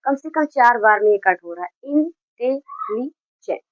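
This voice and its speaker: A woman teaching English grammar in Hindi, explaining step by step and dictating example sentences slowly word by word. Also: medium pitch, animated, no echo. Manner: explains step by step with many restarts. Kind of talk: Hindi video lesson on grammar. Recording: dull, dry lo-fi recording.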